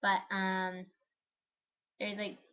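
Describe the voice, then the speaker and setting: A woman's voice: medium pitch, monotone, very slow, smooth. A young woman vlogger chatting casually and giggling, with lots of fillers. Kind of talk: casual chat. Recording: dull lo-fi home video.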